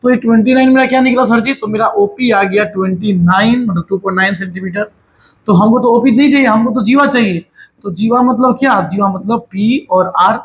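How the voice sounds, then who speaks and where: A man runs a maths lesson in a fairly high voice. He talks in a chatty, teasing way, scolding his students and breaking into bits of song between steps. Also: fairly quick, phone-quality sound. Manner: chatty teacher, scolds and jokes with students, sings snatches of songs. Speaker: maths tutor.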